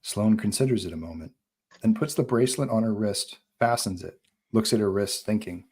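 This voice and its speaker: For a script table read, a man with a low, husky, darkish voice narrates the stage directions at a moderate pace, using short, terse phrases to set each scene.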